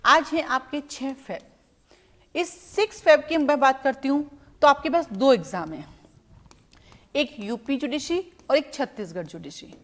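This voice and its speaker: A woman with a high voice teaches an exam strategy lesson. She is a middle-aged coach from India. She advises her students directly and warmly, like a parent.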